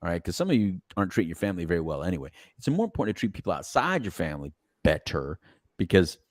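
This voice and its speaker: A middle-aged man with a very low voice that swings up and down freely as he talks. He chats casually as a podcast host, rambling through restarts and breaking into laughter often. The sound is close and dry. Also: sing-song, rapid-fire, no echo. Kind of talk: casual chat.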